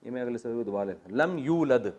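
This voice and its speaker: This man, a Pakistani Urdu-accented religious teacher, takes his class through Quran grammar step by step, quizzing them and telling jokes. He speaks at medium pitch, animated and a little mellow.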